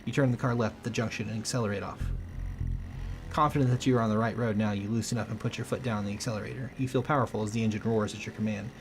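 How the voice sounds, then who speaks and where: A man hosting a let's play, reading game text aloud with a quick, lightly dramatic delivery. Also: fairly low pitch, steady tone, music in the background.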